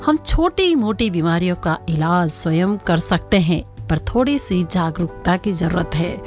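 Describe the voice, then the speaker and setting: On a radio segment about home remedies, a woman with a lowish, expressive voice walks listeners through each cure slowly and patiently. She repeats every remedy and keeps checking in with a rising "okay?" while faint music plays underneath.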